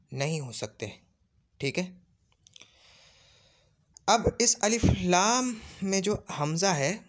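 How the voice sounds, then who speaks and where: A man teaching Arabic grammar, patiently repeating points and checking whether his listeners have understood. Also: fairly high pitch. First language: Urdu. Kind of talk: classroom lesson.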